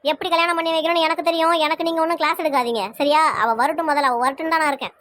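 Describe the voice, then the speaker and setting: A woman's voice: very high-pitched, fairly even intonation, rapid-fire, a bit bright, a little hiss or hum. A woman with a Tirunelveli Tamil accent voicing an angry, sarcastic mother in a cartoon family quarrel. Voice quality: nagging, sarcastic. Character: angry mother siding with her brother. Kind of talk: cartoon voice acting.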